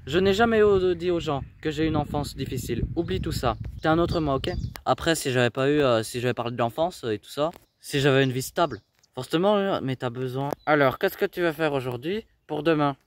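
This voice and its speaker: A man's voice: a little high, brisk, a little hiss or hum. A man in his late twenties from Belgium, a business owner giving a teenager direct, pushy advice with many fillers. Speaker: business owner mentoring a teen. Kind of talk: motivational talk.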